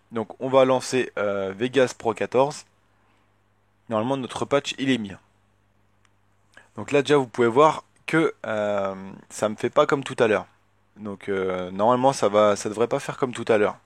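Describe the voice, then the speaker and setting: A man of middle pitch guides viewers through a computer tutorial in a loose, halting way, often pausing on filler words. His voice sits close and dry on a desktop microphone with no room sound. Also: no echo. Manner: hesitant, many filler words, thinks aloud. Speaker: tutorial youtuber. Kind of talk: casual screen-recorded software tutorial.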